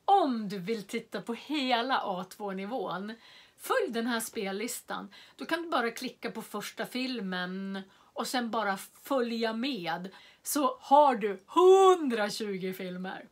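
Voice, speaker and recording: A woman teaching a language lesson in a careful, clear voice at a mid pitch. She sounds out each word slowly and repeats it so learners can follow. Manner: spells out words slowly and repeats them for learners.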